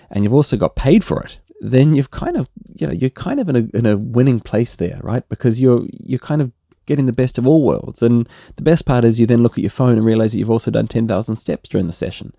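A middle-aged man with a New Zealand accent, hosting a relaxed solo podcast and often tagging his points with "right?". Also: medium pitch, gravelly, no room sound, clean studio sound. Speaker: podcast host.

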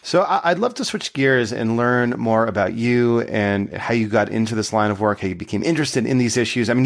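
A man from Connecticut hosts a conversational interview. His low voice has a gravelly, fry-laden edge, and he asks his questions in a relaxed, chatty way. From Connecticut, USA. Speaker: podcast host, editor.

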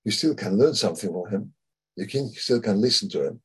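Guy teaching torah casually, very husky voice, stops and restarts a lot. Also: lowish voice, expressive. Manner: halting, searches for words, many restarts. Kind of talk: informal Torah talk.

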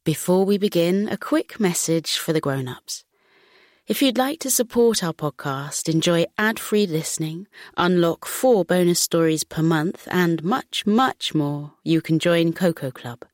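Low-pitched woman narrating a children's sleep story. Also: lively intonation, no echo, studio quality. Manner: soothing, unhurried bedtime storyteller delivery. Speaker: host and narrator of a children's bedtime story podcast.

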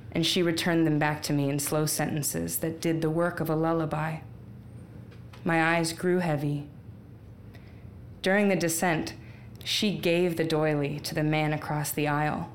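A woman telling a personal story aloud, with wry, unhurried delivery and deadpan asides. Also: low-pitched, slight background noise. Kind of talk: live storytelling performance.

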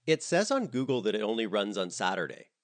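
A bored, disdainful young man who mutters his words slowly in a lowish voice. A man reads him aloud in a storybook. He sounds sulky and unimpressed. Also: big pitch swings, no echo.

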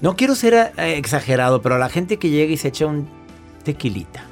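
A man hosting a talk show, brisk and asking leading questions. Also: fairly high pitch, sing-song, soft background music.

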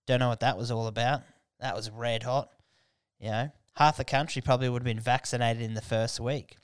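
A man's voice: medium pitch, clear, resonant tone, no room sound, studio quality. An Australian man hosting a podcast in a casual comedic monologue, blokey and irreverent, with heavy swearing and slang. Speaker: podcast host.

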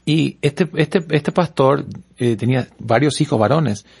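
A pastor from Paraguay telling stories and preaching earnestly, repeating words for emphasis. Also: male voice, medium pitch, a little slow, gravelly, a little mellow, slightly rough. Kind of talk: preaching-style storytelling in a panel talk.

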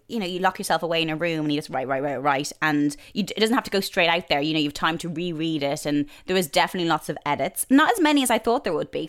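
Her voice is deep. She is a woman in her thirties with an Irish accent, a presenter and author who appears as an interview guest, chatting casually and often using fillers and restarting.

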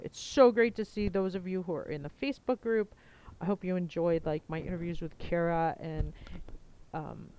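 Smooth-voiced woman rambling as podcast host. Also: on the low side, muffled recording. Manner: rambling, informal, thinking aloud. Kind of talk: casual chat, informal podcast announcement. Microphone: headset, talking into headphones. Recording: poor sound quality, headphone mic.

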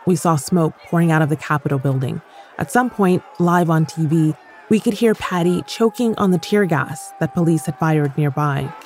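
Lady host reading news script, even and clear. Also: low voice, slight background noise. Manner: measured, clear delivery. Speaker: podcast host. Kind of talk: scripted narration.

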